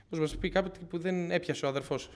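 A young man earnestly giving a personal faith testimony to his congregation, often restarting and repeating himself as he retells what happened. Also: fairly high pitch. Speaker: church member giving testimony.

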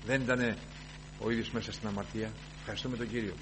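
A man preaching a fervent evangelical sermon, rising to loud exclamations of hallelujah and dropping to quiet, reflective passages. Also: on the low side, steady tone, noisy background.

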